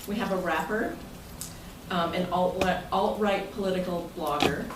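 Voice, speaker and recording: Her lowish voice keeps a measured pace as she presents to club members in an indoor meeting room. As president, she keeps things informal and chatty. The recording is roomy and noisy, taken from a distant mic.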